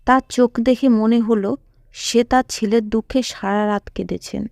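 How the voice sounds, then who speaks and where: A woman's voice: on the high side, steady tone, normal speed, gravelly, darkish tone, no echo, studio quality. A woman narrating a sorrowful first-person story.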